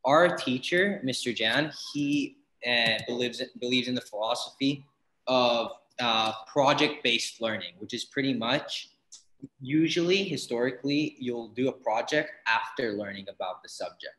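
A man answering as a student guest in an interview, earnest, with frequent "uh" pauses. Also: mid-range voice, pushed and bright, roomy sound, low-quality recording. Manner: earnest, with many uhs.

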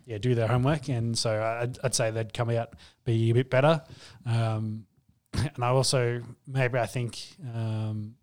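A man's voice: mid-range voice, fairly even intonation, a little slow, darkish tone. A man chatting casually as co-host of a sports podcast. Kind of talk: casual chat.

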